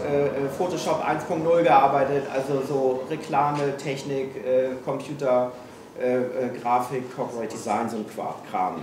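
A middle-aged Hamburg man tells a live audience about his failures at a story evening, being frank and self-mocking while hesitating a lot. His voice is a little high with a darkish tone. Sound comes from a room PA captured at a distance in a small event room, echoey with faint noise.

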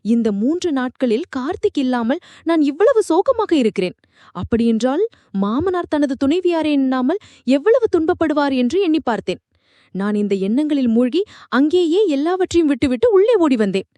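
A woman's voice: sits high, big pitch swings, moderate pace, warm tone, no echo. A woman narrating a first-person story in a dramatic, emotive reading style.

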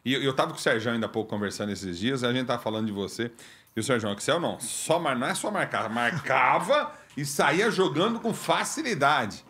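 A middle-aged Brazilian man hosts a studio podcast, trading jokes and questions with his guest. His voice is mid-pitched and close to the mic. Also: lively intonation, fairly quick, pushed and bright. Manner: jokey, banters with guest. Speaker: podcast host. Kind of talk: casual interview. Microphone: studio mic on stand.

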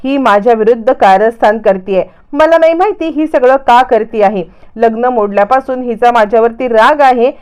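A woman's voice: on the high side, normal speed, darkish tone, clean tone, dull audio, natural voice. A woman voicing a wronged middle-aged mother who answers firmly and indignantly.

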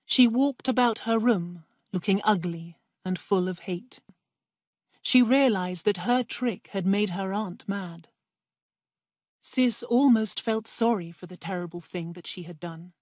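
Slow, breathy woman reading a story. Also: medium pitch, no room sound, clean studio sound. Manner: slow, careful, even delivery. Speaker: narrator. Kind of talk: slow scripted audiobook reading for learners.

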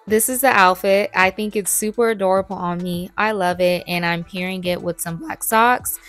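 A woman's voice: mid-range voice, steady tone, normal speed, a bit bright, faint music behind. A young woman narrating a get-ready-with-me voice-over, chatty and playful, joking about herself. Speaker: beauty and fitness vlogger.

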